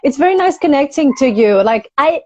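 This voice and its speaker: A woman who grew up in Portugal, a healing coach chatting as a guest on a live video call, bubbly and quick to laugh. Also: high voice, animated, a little mellow, dry recording, lo-fi sound. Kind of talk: casual live-stream chat.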